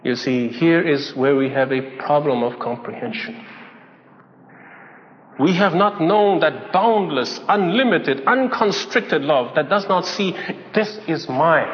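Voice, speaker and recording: A man's voice: fairly high pitch, animated, a little slow, slight background noise. A man preaching a sermon, emphatic, repeating phrases and asking rhetorical questions. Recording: dull lo-fi recording with long hall reverb.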